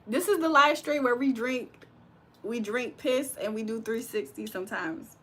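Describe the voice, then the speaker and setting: This livestream host, a young woman from Virginia, reads chat out loud in a casual way and laughs frequently. She has a fairly high, fairly bright voice at a moderate pace. A little hiss or hum is present.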